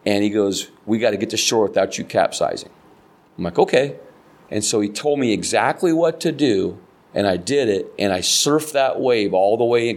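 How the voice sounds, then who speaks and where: A middle-aged man from Nebraska, a kayak fishing guide, telling stories in a rambling, earnest way full of fillers and restarts. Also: fairly low pitch. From Nebraska, United States. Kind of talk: casual storytelling interview.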